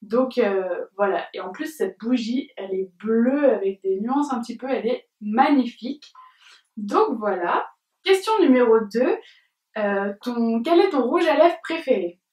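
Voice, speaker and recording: In a beauty tag video shot at home, a young female beauty vlogger chats casually, hesitating often with lots of fillers and giggles. Her voice sits a little high and has a darkish tone, expressive and unhurried. The camera is placed some distance away, so the sound is roomy and distant.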